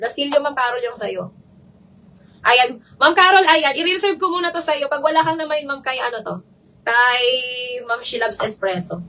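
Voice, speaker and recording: A hoarse woman who is losing her voice runs a live selling stream, rapidly calling out buyers' names again and again. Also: high-pitched, sharp tone, distant mic, slight background noise. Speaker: online live seller.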